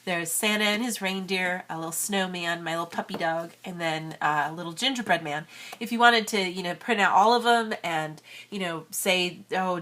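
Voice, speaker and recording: A woman in her thirties who has a cold walks through an origami tutorial for her channel, her voice on the low side and a bit bright. She's chatty and friendly, with many fillers.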